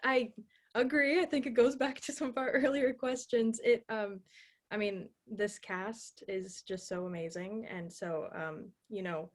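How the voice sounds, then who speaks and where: A female cast member on a video call, soft and hesitant in a casual panel. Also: medium pitch, steady tone, a little slow.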